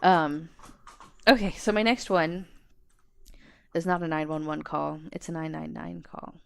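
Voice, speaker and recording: Woman co-host, lowish pitch, fry in a smooth tone, chatty, reads transcripts aloud. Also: fairly even intonation, unhurried. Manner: chatty, self-deprecating, frequent ums. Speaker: podcast co-host. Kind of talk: casual chat, reading call transcripts aloud.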